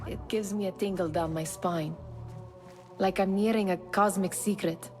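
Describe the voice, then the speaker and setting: A woman's voice: medium pitch, fairly even intonation, moderate pace, over music, natural voice. An actress playing a curious, teasing young woman adventurer in video game dialogue. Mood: wondering.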